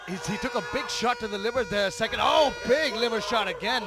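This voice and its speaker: A man doing live fight commentary, excitable and full of exclamations. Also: sits high, a little fast, music in the background, a crowd in the background.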